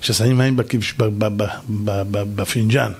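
A man giving a lively sermon to an audience, asking questions and answering them himself, and acting out shouting and calm voices. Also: fairly low pitch, slightly rough. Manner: animated, mimics shouting and soft calm voices for effect. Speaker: rabbi giving a Torah lesson.

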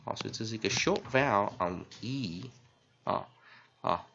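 A man teaching English spelling and phonics in Mandarin with a Taiwanese accent, spelling words out letter by letter and filling pauses with drawn-out "ah" sounds. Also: fairly low pitch, creaky. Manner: spells words letter by letter, heavy fillers, lively emphasis. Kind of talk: classroom-style phonics lesson. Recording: dull lo-fi recording.

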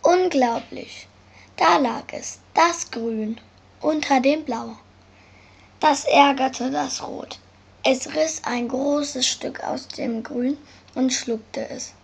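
A woman reading a children's story aloud as narrator, in a slow, careful way. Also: high voice, gravelly, breathy edge. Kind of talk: scripted narration.

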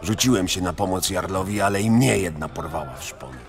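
An actor playing a grim, gruff Norse warrior survivor in a video game, speaking plainly and somberly. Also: male voice, sits low, brisk. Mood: grim recollection. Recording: game music under the voice.

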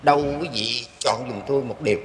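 A man's voice: medium pitch, fairly quick, a bit bright. An older man recounts his own experience in a casual, earnest and rambling manner, often turning to address his listeners. His voice carries a long reverberant tail in an echoey room. Faint background noise sits beneath it. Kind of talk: casual spoken storytelling.

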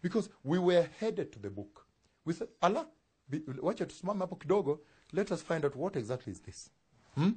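Male preacher, high voice, husky tone, sermon to a congregation. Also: a little fast. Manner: animated, laughing asides, rising to loud emphatic peaks.

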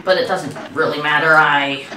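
A woman's voice: deep voice, fairly even intonation, moderate pace, background noise. A woman giving rambling, self-mocking commentary while she plays a video game. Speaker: gaming channel host. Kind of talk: gameplay commentary. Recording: echoey room, distant mic, game music. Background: game music.

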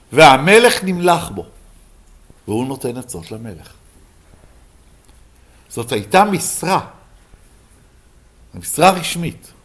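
Lively rabbi quizzing his class. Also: a little high. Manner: questions the class and answers himself. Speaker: rabbi teaching a Bible class. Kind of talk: Bible lesson to a live class.

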